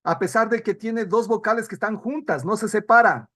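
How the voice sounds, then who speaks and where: A man's voice: high-pitched, normal speed, a bit bright. Man teaching a spelling class online. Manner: explanatory, asks students questions. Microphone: video call.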